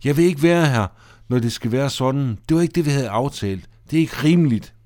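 A girl on the verge of tears protests that the rules are unfair, her voice pushed high and strained, as a man reads her lines aloud. The sound is dry and close. She pleads and complains by turns. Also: expressive, a little mellow, dry recording, close to an everyday voice. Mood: tearful protest. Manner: pleading and indignant. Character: upset girl who refuses to sleep apart from her sister.

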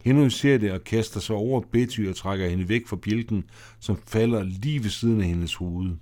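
A man reading the stage directions of an audio drama in a plain, steady way. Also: lowish voice. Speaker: narrator. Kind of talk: scripted audio drama narration.

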